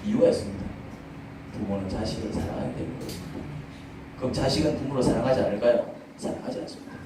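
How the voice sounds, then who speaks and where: Pastor preaching in an echoey church. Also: male voice, fairly low pitch, fast, recorded from a distance, background noise. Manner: conversational preaching with rhetorical questions. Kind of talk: sermon. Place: church sanctuary.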